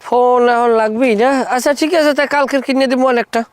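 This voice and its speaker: An actor playing a comic village suitor who speaks in mock-formal, boastful phrases, with a rural Bangladeshi Bengali accent. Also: male voice, very high voice, steady tone, fast talker, clean tone, no room sound.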